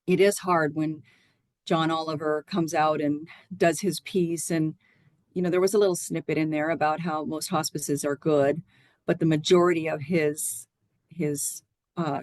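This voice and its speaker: A woman's voice: deep voice, darkish tone, no room sound. A woman giving earnest, explanatory answers as a guest in a conversational interview. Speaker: podcast guest, hospice nurse and educator.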